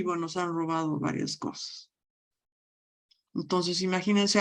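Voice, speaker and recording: A woman giving a university language lecture, repeatedly telling students to look closely and stressing question words. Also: fairly low pitch. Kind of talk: online class lecture.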